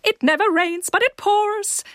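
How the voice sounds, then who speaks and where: A woman voicing a tipsy, giggly middle-aged mother with a shrill, flighty manner in a storybook reading. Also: sing-song, unhurried, pushed and bright, no echo, studio quality, exaggerated voice.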